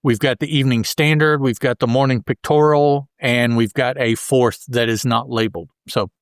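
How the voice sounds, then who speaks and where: A man with a medium-pitched voice and fairly even intonation co-hosts a podcast, speaking at normal speed in a dry, studio-quality recording. He talks through comic books in a casual, rambling, conversational way.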